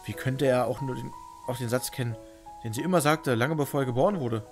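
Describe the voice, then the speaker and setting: A man's voice: mid-range voice, a little fast. A man reading a video game's story aloud as dramatic narration. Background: music.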